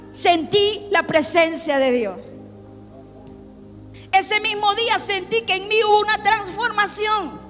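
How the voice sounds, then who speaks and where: A middle-aged woman pastor preaching a fervent sermon, rising into shouts at times. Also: very high voice. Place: church sanctuary. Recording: long church reverb with faint music.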